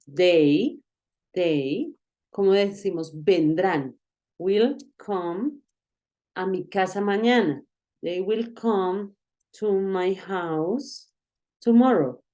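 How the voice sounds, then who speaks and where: A Colombian woman leads an online grammar lesson at an unhurried pace. Her voice is warm and mellow and sits a little low. She explains patiently and keeps checking that her student is following. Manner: patient, explains slowly with many checks for understanding. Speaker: English teacher.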